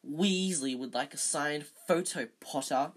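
A woman voicing a spiteful schoolboy bully, mocking and scathing, in a storybook reading. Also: low-pitched. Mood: sneering. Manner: loud, drawn-out, mocking.

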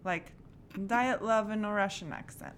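A woman's voice: medium pitch, measured pace, slight background noise. Giggly woman co-hosting a chatty podcast. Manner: giggly, animated, storytelling. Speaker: podcast co-host. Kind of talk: casual chat, telling a mystery story.

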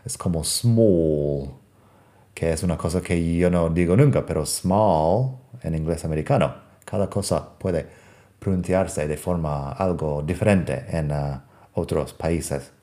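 Man, podcast English lesson, native English speaker, repeats words to model them, mellow tone. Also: very deep voice, steady tone, moderate pace. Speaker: English pronunciation teacher.

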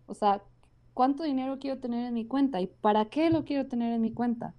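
A woman's voice: on the high side, fairly quick, muffled recording. A woman with a Mexican Spanish accent talking casually and earnestly about her own experience, with lots of fillers. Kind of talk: casual conversation.

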